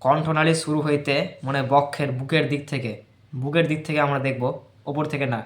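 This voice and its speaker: A man giving an informal lesson, explaining patiently and loudly repeating the letter sounds for practice. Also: on the high side, fairly even intonation, a little fast, roomy sound. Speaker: teacher of Quran letter pronunciation.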